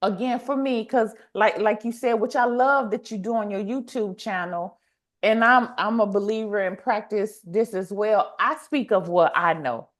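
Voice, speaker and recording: A woman hosts a podcast, chatting casually and motivationally with plenty of animation, repeating phrases for emphasis and acting out little quotes. Her voice is medium-pitched and her pace moderate.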